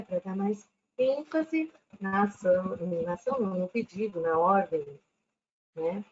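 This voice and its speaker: Woman, English teacher, patient explanations, slow careful delivery, dull lo-fi recording. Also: medium pitch, darkish tone. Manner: explains patiently, checking in with frequent "né?"; reads English examples slowly and carefully. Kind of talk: recorded classroom lesson. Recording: dull lo-fi recording with faint background noise.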